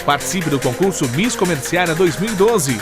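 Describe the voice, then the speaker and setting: A male announcer reading a commercial voice-over in an energetic, promotional manner. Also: a little high, moderate pace. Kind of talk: radio-style ad voice-over. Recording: loud electronic music behind. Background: loud electronic music.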